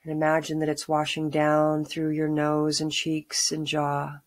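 Middle aged lady doing a calm grounding exercise, slow and really even tone, soothing. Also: sits low, no echo. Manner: calm, unhurried, soothing instructions with pauses. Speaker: meditation guide. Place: small room at home, indoors.

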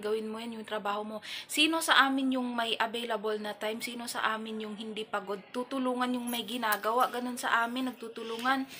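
Chatty Filipina woman, bright voice. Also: on the high side, slight background noise. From Philippines. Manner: chatty, rambling with many fillers and restarts. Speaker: vlogger. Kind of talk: casual gossip chat to viewers. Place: family home.

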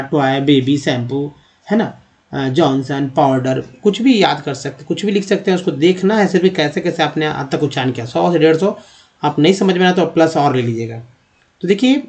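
A man explaining a lesson, slowly repeating and drawing out each sound as he talks through examples. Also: on the high side. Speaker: English teacher. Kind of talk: classroom-style spoken lesson.

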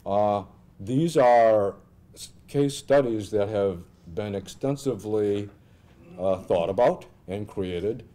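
A middle-aged American man giving an informal lecture with a software demonstration, thinking aloud and asking rhetorical questions. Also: fairly low pitch. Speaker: instructor presenting clinical simulations. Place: indoor classroom at a lectern.

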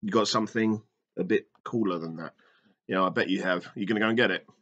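A fast-talking man in his thirties with a low, fairly bright voice hosts a kids' activity video, teasing and teaching as he answers a toy puppet that never speaks. He's in a small brick-walled room with a webcam in front of him, and the recording sounds muffled.

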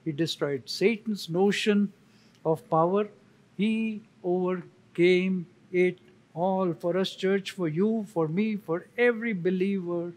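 A man, a church elder, preaching a sermon slowly and emphatically, pausing for effect and repeating key words. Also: high-pitched, fairly even intonation, a little mellow, poor audio. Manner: slow, emphatic, with dramatic pauses and repetition.

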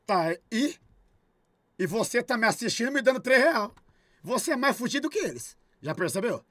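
A man's voice: very high voice, big pitch swings, moderate pace, fairly bright tone. A man streaming live, ranting at his chat with irritated sarcasm and heavy swearing.

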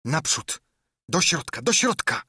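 A man's voice: very animated, unhurried, breathy edge, no echo, clean studio sound, heavily acted. A man voicing a furious blind old male pirate beggar who shrieks orders at his gang. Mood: raging. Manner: shrill, shouting orders.

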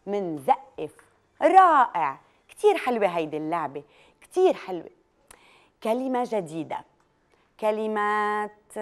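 A woman with a Lebanese Arabic accent, teaching children the letter dal through a clapping game and drawing out each test word slowly. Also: medium pitch. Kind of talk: children's lesson, leading a listening game.

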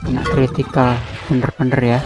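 A man giving casual let's-play commentary on a video game, excitable and repeating words in quick bursts. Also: medium pitch. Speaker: gameplay commentator. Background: game music.

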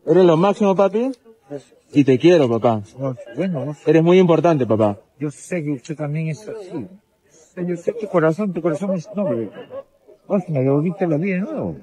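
A man speaking loudly and effusively with heartfelt emotion. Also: a little high, animated, moderate pace. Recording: crowd noise behind.

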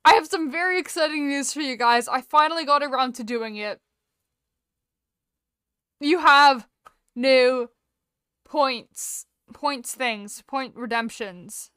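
A woman's voice: high-pitched, fairly bright tone, clean tone, no echo. A woman hosting a casual gaming livestream, chatting playfully with exclamations and self-interruptions, on a close compressed streaming microphone. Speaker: game streamer host. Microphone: close streaming microphone with software compressor.

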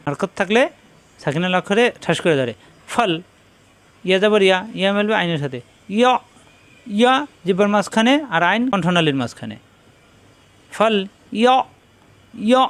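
A man teaching Quran reading, spelling Arabic words out syllable by syllable and slowly repeating each sound with patient drilling. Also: sits high, big pitch swings, a bit bright.

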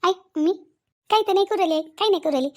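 A woman's voice: extremely high pitch, rapid-fire, warm tone. A woman voicing a sulky, stubborn young wife. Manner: complaining, repeats herself. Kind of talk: cartoon voice acting.

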